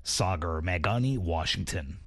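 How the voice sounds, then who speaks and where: A man correspondent delivering a crisp, scripted news report. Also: sits low, expressive, unhurried, fairly bright tone, no echo, studio quality. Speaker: Washington correspondent.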